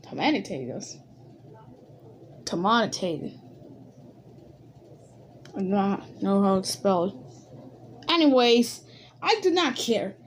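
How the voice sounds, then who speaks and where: A woman with a medium-pitched voice improvises lines for bickering cartoon alphabet letters in an amateur animated skit, her phrasing halting and repetitive. There's a slight hiss or hum in the recording.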